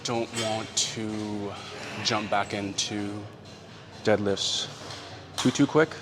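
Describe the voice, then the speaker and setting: A man's voice: fairly low pitch, very slow. A man vlogging at the gym between sets, out of breath and talking to himself about his lifts. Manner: talks between sets, relaxed and self-talking. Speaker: fitness vlogger recovering from surgery. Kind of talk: casual gym vlog commentary. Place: gym, indoors. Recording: loud music behind. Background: loud gym music.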